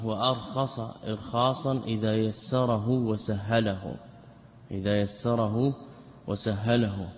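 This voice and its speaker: A male scholar lectures with a low, steady voice that barely moves in pitch. He explains things step by step, asks himself questions and goes over his terms again slowly. The sound is dull and lo-fi, with a long reverb tail and faint hiss. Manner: measured explaining, with rhetorical questions, repeats phrases slowly. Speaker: Islamic scholar teaching a text. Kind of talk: classroom lecture on legal theory.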